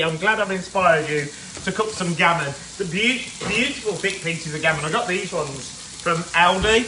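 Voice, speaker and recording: A man's voice: on the high side, pushed and bright, low-quality recording. Casual home-cook man, bit nasal, loose and chatty, frying pan hissing in the background. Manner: chatty and rambling, with fillers. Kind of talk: casual live cooking chat. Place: city apartment kitchen. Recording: sizzling pan behind the voice. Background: food frying in a pan.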